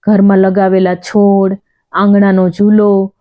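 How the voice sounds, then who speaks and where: A woman's voice: medium pitch, completely flat delivery, a little slow, narrow, tinny audio. A woman telling a story in scripted, emotional narration.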